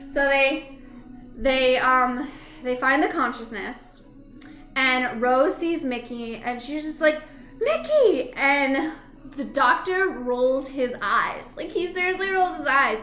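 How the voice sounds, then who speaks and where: A woman's voice: sits high, slow, bright, forceful tone, reverberant. A woman vlogging in a casual, rambling way. She laughs easily and hums filler syllables while she gathers her thoughts. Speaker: vlogger reviewing a TV episode. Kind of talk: casual rambling chat to camera.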